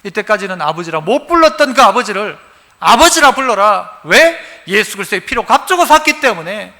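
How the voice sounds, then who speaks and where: A male pastor giving a sermon, animated, asking the congregation questions as he preaches. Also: sits high, brisk. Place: church sanctuary. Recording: reverberant church hall.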